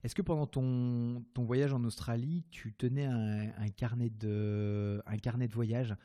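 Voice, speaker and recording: A man's voice: medium pitch, fairly even intonation, unhurried, warm tone. A man asking conversational interview questions in an informal, thoughtful way.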